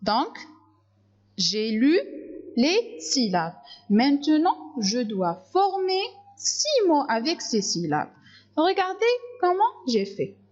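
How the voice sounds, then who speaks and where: A woman teaching French to young children, sounding out each word slowly and repeating it, syllable by syllable. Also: sits high, big pitch swings, a little mellow. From North Africa. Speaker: primary school French teacher. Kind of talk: slow classroom lesson for young children. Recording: dull lo-fi sound.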